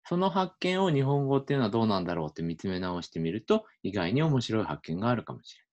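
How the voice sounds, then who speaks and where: A male linguistics researcher giving a relaxed explanatory lecture for a video and thinking aloud with plenty of fillers. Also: on the low side, fast, lo-fi sound.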